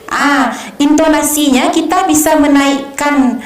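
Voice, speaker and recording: A woman teacher explains recitation technique in a high voice, pausing on fillers and checking with her colleague. The room is echoey. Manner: hesitant, many fillers, checks with co-host.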